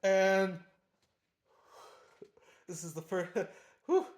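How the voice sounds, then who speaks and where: A book reviewer giving a casual, animated chapter recap, slangy and laughing often. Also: mid-range voice, drawn-out words. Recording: roomy echo.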